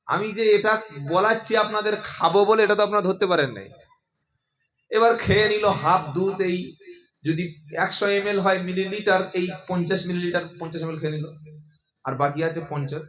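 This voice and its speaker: A man preaching a sermon to a crowd, lively and calling on listeners to answer back. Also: high voice, moderate pace, pauses often, poor audio. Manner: lively, addressing the crowd and asking them to respond.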